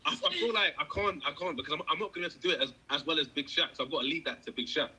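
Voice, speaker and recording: A man's voice: a little high, very fast, sharp tone, breathy edge, rough recording. A man with a British accent, a voice actor chatting and joking in a casual interview, often restarting his sentences. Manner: jokey, stammering restarts. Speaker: voice actor guest.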